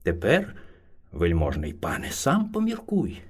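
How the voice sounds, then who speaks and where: A man voicing a small, timid but clever male hare who speaks very politely and flatters. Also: on the low side, unhurried, slightly rough, voice pushed down, full character voice. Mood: pleading.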